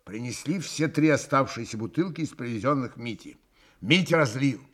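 A man narrating a novel as an expressive audiobook reading. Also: mid-range voice, normal speed.

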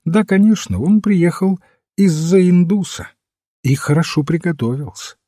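A man voicing a mild, thoughtful old priest-detective who calmly reasons a case through, in a storybook reading. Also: fairly high pitch, moderate pace, dry recording, clean studio sound, pitched above the performer's own voice. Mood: explaining. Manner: calm, reasoning, gently explaining. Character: mild, thoughtful elderly male priest-sleuth.

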